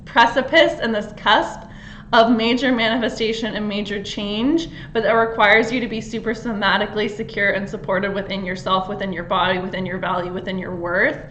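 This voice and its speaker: A woman's voice: medium pitch, fairly even intonation, fairly quick, fairly bright tone, roomy sound, a little hiss or hum, poor audio. A woman spiritual coach giving a casual astrology talk, chatty and full of fillers, with the odd giggle.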